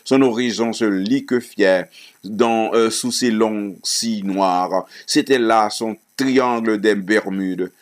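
A man's voice: lowish voice, takes it slowly. A man reading a novel aloud, stumbling and restarting words now and then. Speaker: reader.

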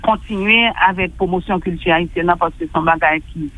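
High-voiced Haitian man on a phone line. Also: no echo. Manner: halting, repeats words and restarts often. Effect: heard over a telephone line. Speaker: guest reporting by phone. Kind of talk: phone-in conversation on a radio talk show. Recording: narrow tinny phone line.

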